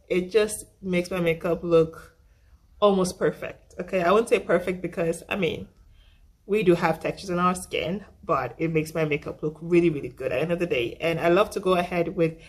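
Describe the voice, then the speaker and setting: A young makeup vlogger goes through her brushes in a relaxed tutorial, her somewhat low voice husky and rough as she recovers from the flu. Chatty and self-deprecating, she keeps circling back to repeat points.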